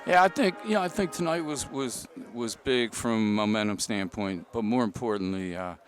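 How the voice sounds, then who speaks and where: A middle-aged male head coach answers postgame questions, pausing often and leaning on fillers. Loud music plays behind him the whole time. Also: mid-range voice, poor audio. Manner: halting, with frequent "uh" and "you know". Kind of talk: postgame interview.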